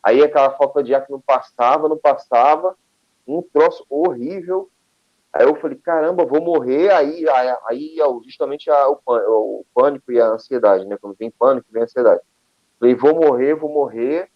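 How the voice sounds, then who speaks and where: A man from Brazil, a guest telling a personal story in casual talk, animated and acting out quoted dialogue with many restarts. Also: medium pitch, moderate pace, lo-fi sound.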